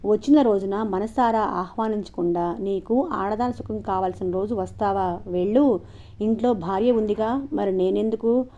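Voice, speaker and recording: A woman's voice: mid-range voice, normal speed, warm tone, natural voice. A woman voicing a defiant, taunting young woman who argues with her lover, in a dull lo-fi recording.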